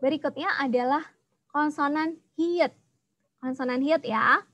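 High-voiced woman teaching a lesson. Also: a little slow, a bit bright, lo-fi sound. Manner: patient, explains step by step and repeats key sounds. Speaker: language teacher. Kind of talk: online language lesson.

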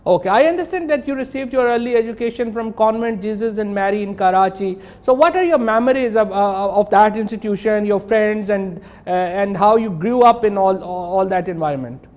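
A man's voice: high voice, brisk, hardly any pauses, a little mellow. A man from Pakistan interviewing a guest in a TV studio, asking long, rambling questions full of uh's and restarts. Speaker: TV news interviewer. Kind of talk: television interview.

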